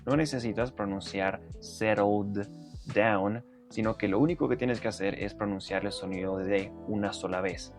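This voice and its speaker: A man's voice: on the low side, fairly even intonation, moderate pace, music in the background. A man narrating a pronunciation lesson, explaining sounds step by step and demonstrating them aloud. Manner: methodical, breaks down sounds step by step. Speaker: pronunciation teacher.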